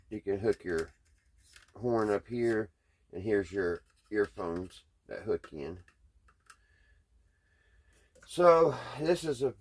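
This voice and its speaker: On the low side and a little mellow, a man's voice carries a Southern US accent as he tinkers with radio repairs on his vlog. He talks casually and hesitantly, working things out aloud in a folksy manner.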